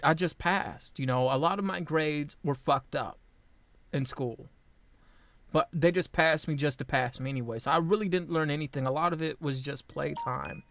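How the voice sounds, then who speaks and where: This vlogger, a man in his late twenties, has a fairly high, fairly bright voice recorded with no echo. He talks casually and bluntly about his life, swearing a lot, rambling, and repeatedly breaking off to start sentences over.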